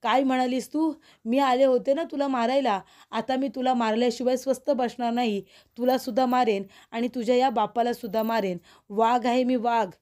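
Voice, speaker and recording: A woman's voice: fairly high pitch, warm tone, natural voice. A woman reading a vicious split-personality woman. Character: young woman's menacing second personality, vicious.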